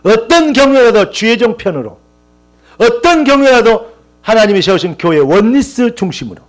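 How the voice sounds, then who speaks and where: Impassioned high-voiced male preacher, faint music. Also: big pitch swings, normal speed. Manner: impassioned preaching, rising emphatic lists, calls of hallelujah. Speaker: pastor. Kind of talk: sermon.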